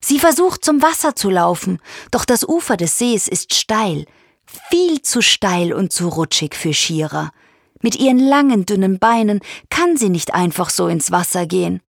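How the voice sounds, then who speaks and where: Woman, children's story narration, slow pace, lively pitch, husky, dry close sound. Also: no echo.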